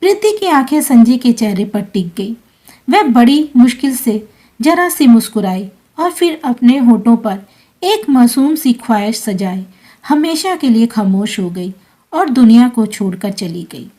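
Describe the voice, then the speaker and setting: A woman narrating an emotional story in a slow, tender storytelling manner. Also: on the high side, very animated, mellow.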